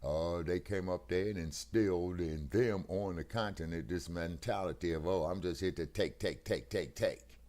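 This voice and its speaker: Talking through a headset on a breaking-up video call, this American co-host of a talk stream discusses politics casually in a low, slightly mellow voice at normal speed with few pauses. He's emphatic and preachy, constantly checking, "you see what I'm saying?"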